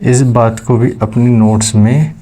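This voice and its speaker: Man, maths teacher, classroom lecture, slow and patient, mellow warm tone, checks in with students. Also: mid-range voice, steady tone. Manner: slow, step-by-step explaining with check-in questions.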